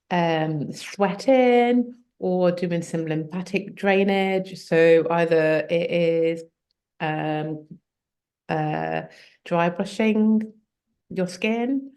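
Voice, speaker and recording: Brief: woman guest, deep voice with vocal fry, chatty explainer. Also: a little mellow. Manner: explanatory, many fillers, laughs easily. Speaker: guest health coach. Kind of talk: conversational interview.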